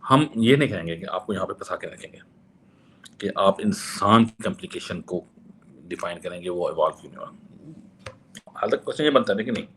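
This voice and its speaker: Male commentator, raspy sore throat, very low voice, argumentative and repetitive. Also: lively intonation, fairly quick, long pauses, fairly bright tone. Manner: questioning, challenging, repeats himself. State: hoarse with a sore throat, clearing throat. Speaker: commentator rebutting atheists. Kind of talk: argumentative monologue.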